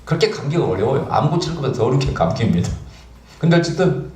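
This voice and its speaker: A man preaching as pastor, telling a story with lively acted-out dialogue. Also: mid-range voice, quick pace, echoey room. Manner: animated, acts out dialogue in the story. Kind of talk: storytelling sermon.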